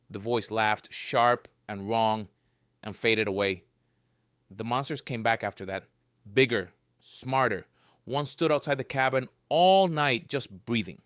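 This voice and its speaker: A man's voice: mid-range voice, dry recording, clean studio sound. Wry man narrating a horror story. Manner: wry, joking storyteller with dark humor. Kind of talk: scripted first-person horror narration.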